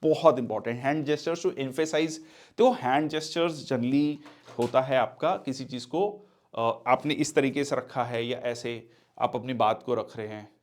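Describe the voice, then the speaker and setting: A man teaching interview body language, mixing Hindi and English and filling pauses with "theek hai" as he demonstrates gestures. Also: mid-range voice, darkish tone. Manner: demonstrates gestures while explaining. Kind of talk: interview coaching lecture.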